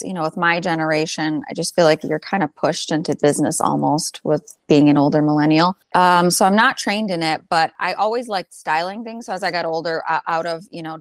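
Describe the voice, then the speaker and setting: Low-voiced chatty woman. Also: no echo. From Albanian heritage. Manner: chatty, laughs often, many fillers. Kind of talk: conversational interview.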